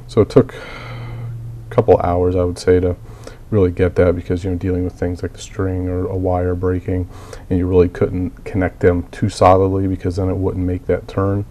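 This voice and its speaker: A miniature hobbyist, a man getting over a cold, coughs now and then while plainly and methodically talking through a hobby build in a casual tutorial, with plenty of filler words. His voice is low and warm, delivered in a monotone at a moderate pace.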